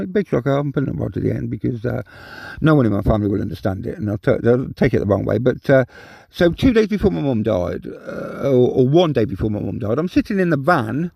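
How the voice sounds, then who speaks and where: A man's voice: mid-range voice, creaky, a little mellow, no echo. A man from England ranting in an agitated personal monologue, repeating himself and swearing in emotional outbursts. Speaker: vlogger.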